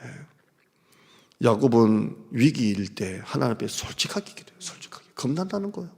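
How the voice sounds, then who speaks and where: A middle-aged man from South Korea preaching a revival sermon, swinging from loud appeals to hushed whispers. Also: medium pitch, sing-song, moderate pace, gravelly, breathy edge. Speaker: pastor. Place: large church sanctuary. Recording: long church hall reverb.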